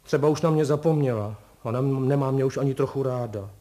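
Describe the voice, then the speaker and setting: A man voicing an excitable, bashful young male chauffeur who exclaims in a high, jumpy voice. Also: natural voice. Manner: breathless exclaiming, pitch jumps high.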